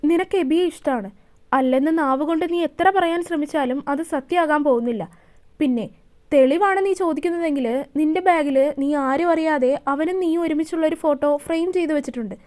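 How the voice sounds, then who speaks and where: A woman's voice: sits high, a little fast, a little mellow, natural voice. A woman voicing a serious, blunt young woman who speaks plainly and directly.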